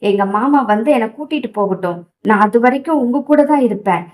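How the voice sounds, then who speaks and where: A woman voicing a young wife who pleads tearfully and defiantly, in a raised, higher voice. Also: lively intonation, a little fast, darkish tone, lightly acted. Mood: tearful pleading.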